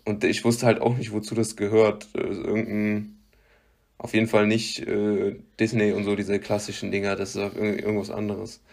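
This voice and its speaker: A man's voice: fairly low pitch, completely flat delivery, normal speed, creaky, darkish tone. A young man giving clues in a guessing game, hesitant and searching for words. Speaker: quiz-giving player. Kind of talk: casual chat.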